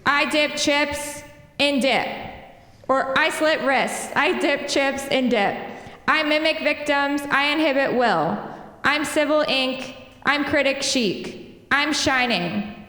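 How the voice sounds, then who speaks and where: Slow-reading high-voiced woman poet. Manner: slow, deliberate line-by-line delivery with soft laughs between poems. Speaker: poet reading her work. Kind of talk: poetry reading at a live event. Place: performance space. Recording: echoey hall with long reverb.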